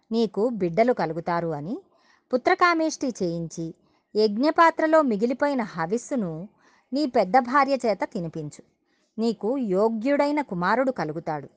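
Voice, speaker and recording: Unhurried woman telling a devotional tale. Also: on the high side, dry recording. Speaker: storyteller. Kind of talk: devotional story narration.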